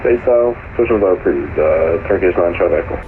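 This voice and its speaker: A man's voice: deep voice, fairly quick, narrow, tinny audio, soft background music. A man, an airline pilot, making procedural calls over aircraft radio. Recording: noisy aircraft radio transmission.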